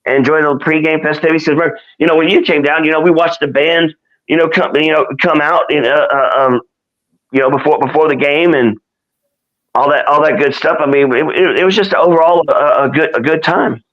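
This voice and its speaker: Male guest, fairly high voice, swearing and filler-heavy, dull lo-fi sound. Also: steady tone, fairly quick, fairly bright tone. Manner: profane, filler-heavy, laid-back talk. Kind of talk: casual chat. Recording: dull lo-fi audio.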